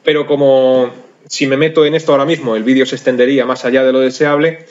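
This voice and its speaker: Man teaching software, dull mic. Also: medium pitch, little pitch movement, fast talker. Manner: conversational, addresses viewers directly. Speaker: software instructor. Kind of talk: screencast tutorial narration.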